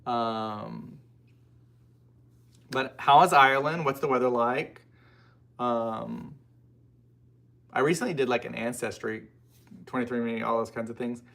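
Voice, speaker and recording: Unhurried and pausing often, this American livestream host chats loosely with his audience, reading comments aloud and responding with plenty of side remarks. His voice is mid-range, gravelly and a bit bright, with fairly even intonation.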